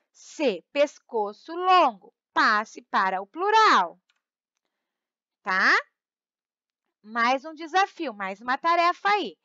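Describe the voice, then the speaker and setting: A Brazilian Portuguese woman teaching a recorded lesson, her voice high and bright. She explains patiently, repeating words and checking that students follow. The sound is dry and a little dull, close to the mic. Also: no echo. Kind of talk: recorded remote class lesson.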